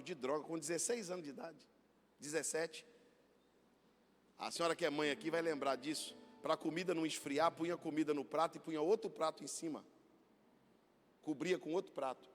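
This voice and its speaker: A Brazilian pastor preaching an impassioned sermon that swings from hushed storytelling to shouting. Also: male voice, a little high. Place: church. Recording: reverberant church hall with soft music.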